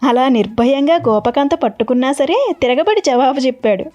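A woman retelling a devotional story in an animated, expressive way. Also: high-pitched, a little fast, dull audio, faint music behind.

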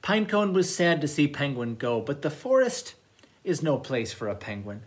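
Lively, expressive male children's librarian. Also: on the high side, moderate pace. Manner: animated, expressive read-aloud voice. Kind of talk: children's storytime read-aloud.

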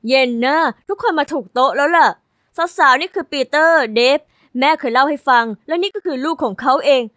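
A woman's voice: high voice, fairly quick, fairly bright tone, dry recording, studio quality. A woman voicing a remarried mother who speaks firmly and scolds her children. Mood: cheerful. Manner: firm, scolding. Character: newly remarried mother, firm and fed up.

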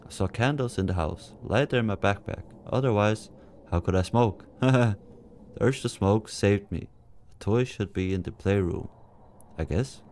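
A man's voice: fairly low pitch, normal speed, darkish tone, slight background noise. A man casually commenting as he plays a horror game, muttering to himself with jumpy, nervous asides. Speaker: let's play gamer.

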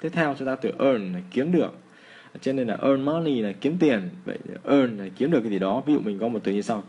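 A man with a Vietnamese accent teaching English phrases in a casual lesson, slowing down to model the pronunciation. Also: medium pitch, animated, a little mellow, husky, muffled recording.

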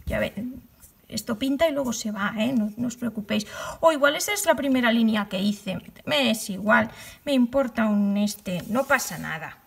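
Chatty high-voiced woman crafting. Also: lively intonation, moderate pace, gravelly, breathy edge. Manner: chatty, self-mocking, trails off into whispers while working. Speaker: crochet tutorial host. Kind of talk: casual tutorial chat.

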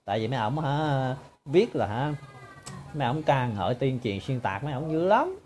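A man's voice: mid-range voice, very animated, moderate pace, darkish tone, a little hiss or hum. A man giving a sarcastic, mocking monologue to his viewers. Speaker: political commentator.

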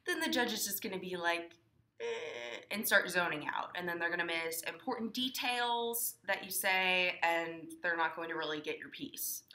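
A woman's voice: on the low side, normal speed, hardly any pauses, bright, forceful tone, roomy sound. A teenage girl explaining dramatic interpretation in a casual, chatty way, with lots of ums and likes. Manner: chatty, many fillers like um and like. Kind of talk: casual instructional talk.

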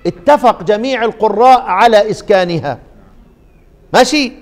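High-voiced Egyptian teacher in an echoing hall. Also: male voice. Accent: Egyptian Arabic. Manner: quizzing students with leading questions, drawn-out quoted verses. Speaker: Quran recitation teacher. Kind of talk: classroom lecture on Quranic readings.

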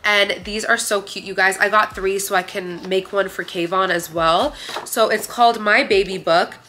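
Seated in her bright living room before a camera, a young vlogger from Romania gushes about her haul to viewers, chatty and peppering everything with "like" and other fillers. Her medium-pitched voice is bright and forceful, with fairly even intonation at a normal pace, and a little hiss or hum sits under the recording.

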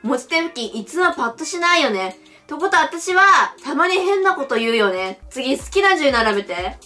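Bright, lively young woman gamer. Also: high voice, normal speed. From Japan. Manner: chatty, giggly, reads questions aloud and reacts bluntly. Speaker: game streamer. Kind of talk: casual playthrough commentary.

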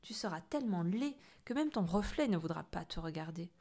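A loud, bullying storybook witch, as a woman puts her on. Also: fairly low pitch, expressive, brisk. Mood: furious. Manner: loud, growling threats and comic insults. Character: grumpy huge female witch, insulting and menacing.

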